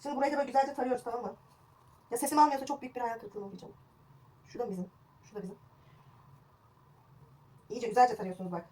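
A woman's voice: fairly high pitch, fairly even intonation, rapid-fire, pauses often, darkish tone. A young woman vlogging a home haircut, chatty and self-mocking, recorded on a phone at home. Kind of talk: casual home haircut vlog. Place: at home indoors.

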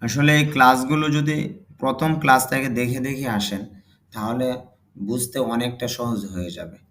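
A man with a Bangladeshi accent teaching a spoken English lesson, saying each English example sentence slowly and loudly, then explaining it more quietly. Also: mid-range voice.

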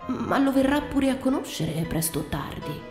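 A woman's voice: sits high, sing-song, normal speed, voice pushed up. A woman voicing an evasive male friend who teases and speaks with false indifference, in a read-aloud story. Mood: offhand. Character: evasive male friend, teasing, hiding something. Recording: roomy reading with faint music.

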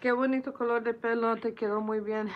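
A woman's voice: fairly high pitch, level tone, a little fast, phone-quality sound, a little hiss or hum. A woman hosting a casual live chat while cooking breakfast in her kitchen, chatty and self-deprecating, a little nervous, greeting viewers by name. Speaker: livestream host. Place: home kitchen. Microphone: phone on a tripod.

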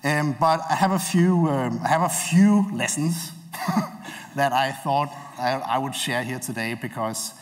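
A man's voice: mid-range voice, a little slow. Guy giving a stage keynote, lots of ums, headset mic, echoey hall. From Denmark. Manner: relaxed, hesitant, many filler sounds. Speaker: keynote speaker. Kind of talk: conference keynote talk. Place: large conference stage before an audience. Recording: long hall reverb.

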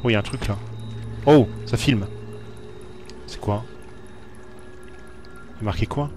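A man's voice: fairly low pitch, unhurried, a little mellow, faint music behind. A man playing a horror video game and commenting live for viewers, jumpy and talking to the screen. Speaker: let's play gamer.

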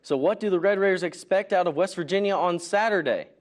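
Male sports news reporter and anchor, voice a little high, scripted TV highlight delivery. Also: quick pace.

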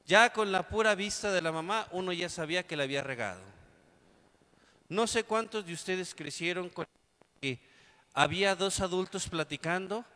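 A man's voice: sits high, moderate pace, bright, forceful tone. A man with a Mexican accent preaching a sermon as a priest, telling stories and acting out the people in them. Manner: storytelling, acts out quotes. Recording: long reverb of a large hall.

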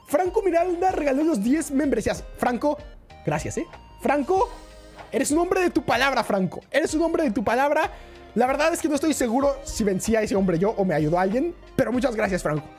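A woman, live-streaming a game, excitable and chatty, talking straight to her chat. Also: mid-range voice.

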